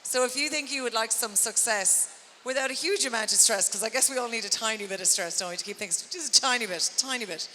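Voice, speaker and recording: A woman's voice: fairly high pitch, bright, forceful tone. A woman hosting a live event, introducing a speaker to the audience in an informal, chatty way. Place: indoor event room before an audience. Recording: reverberant hall, background noise.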